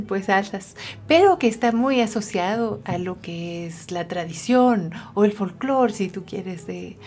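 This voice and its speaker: A woman from Ecuador, a singer-songwriter guest talking reflectively on a radio interview, with many pauses and tag questions. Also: medium pitch, a little mellow.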